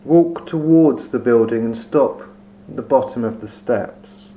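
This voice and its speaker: A man guiding a meditation, speaking very slowly and softly with long, calm pauses. His voice sits at an ordinary pitch. The recording is dull and lo-fi with a faint hum underneath. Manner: slow, soft, soothing delivery with long pauses. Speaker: meditation guide. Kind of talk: guided meditation.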